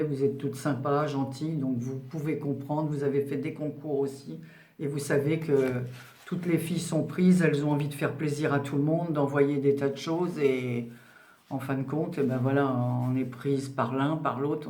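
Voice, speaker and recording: This woman in her sixties, host of a craft channel, talks casually to camera as she unboxes craft parcels, rambling chattily with plenty of "voilà" and "donc." She has a mellow bass voice, fairly even intonation and moderate pace, heard in roomy sound.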